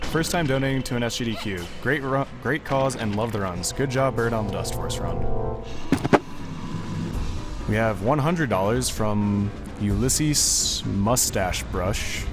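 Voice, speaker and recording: A man reads donation messages aloud at a live charity event, in quick, brisk bursts. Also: lowish voice, loud music behind the voice. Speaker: donation reader.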